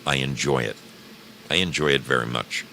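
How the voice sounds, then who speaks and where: This man's voice rumbles low with vocal fry, sounding bright and forceful at a normal speed, with a little hiss or hum present. He's running an online radio program, chatting in a rambling monologue to live stream listeners, jokey and theatrical, with emphatic repetition.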